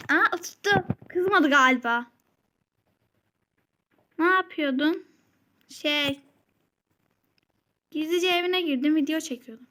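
A woman hosting a playful game-play vlog, giggling often and sometimes dropping to a hushed voice. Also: sits high, takes it slowly, pauses often. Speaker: channel host.

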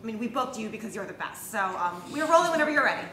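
High, lively woman, loud audience. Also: racing. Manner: exasperated, bossy. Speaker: recording session director in a sketch. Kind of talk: live sketch comedy. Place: theater stage. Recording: echoey stage with laughing crowd.

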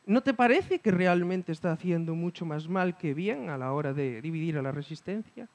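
Man, conference speaker, high voice, very animated, keeps tossing "mm?" at the room. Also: moderate pace. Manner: keeps checking in with listeners with a questioning hum. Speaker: speaker at a talk. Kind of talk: reflective conference talk.

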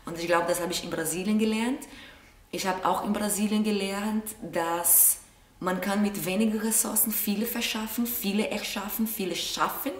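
A woman's voice: mid-range voice, steady tone, normal speed. A young woman from Brazil with a Brazilian Portuguese accent, chatting thoughtfully to camera from her sofa. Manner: thoughtful, gestures a lot with her hands. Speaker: vlog host answering viewer questions. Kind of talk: casual chat to camera. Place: living room, seated on a sofa. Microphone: camera a short way off. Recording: roomy sound, mic at a distance.

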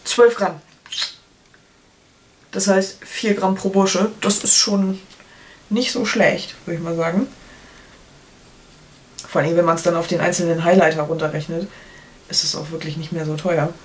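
A woman's voice: fairly low pitch, steady tone, measured pace, long pauses. A woman in her thirties chatting casually to camera in a product review, with playful colloquial asides. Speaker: beauty vlogger. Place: small room at home, indoors. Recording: clear background noise, clicks.

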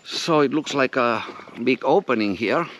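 Outdoors on an unfinished concrete structure, a man explores an abandoned building and narrates casually with a worn or handheld action camera, calmly describing his surroundings. His mid-range voice has lively intonation and a bit of brightness, though the recording is rough with slight background noise.

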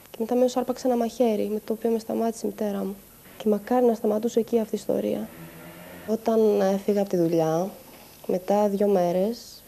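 Distressed woman with a very dark voice. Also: medium pitch. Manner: halting, distressed, with pauses and restarts. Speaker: interviewee recounting harassment. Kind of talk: emotional personal testimony.

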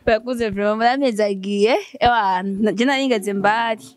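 A young woman from Burundi hosting a casual music interview, playful and quick to laugh. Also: a little high, no room sound. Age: young adult. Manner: lively, laughs often, playful asides. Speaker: interviewer, show host.

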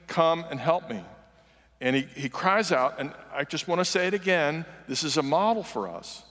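An older guest preacher delivers a sermon in a large church sanctuary, his medium-pitched voice earnest and conversational as he walks the stage with animated gestures. The hall's long reverb is heard throughout.

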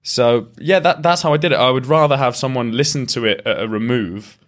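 A man's voice: medium pitch, a little fast. A man, a lyricist, talking reflectively as a podcast guest and explaining his ideas at length with frequent restarts. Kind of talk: reflective conversational interview.

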